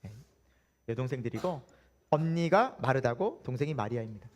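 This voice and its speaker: A man's voice: mid-range voice, lively intonation, fairly quick. A male pastor preaching a Sunday sermon in a church, with humor and many rhetorical questions.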